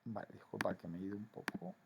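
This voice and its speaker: A man's voice: lowish voice, lively intonation, fast talker, vocal fry, very noisy. A man teaching a grammar lesson to schoolchildren, explaining patiently and often checking in with "¿vale?". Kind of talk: recorded classroom grammar lesson.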